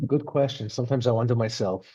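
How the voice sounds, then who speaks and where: A man gives a polished, upbeat opening for a campaign before introducing himself. His voice is mellow, and the recording sounds dull and low-fidelity. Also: fast. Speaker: campaign organizer.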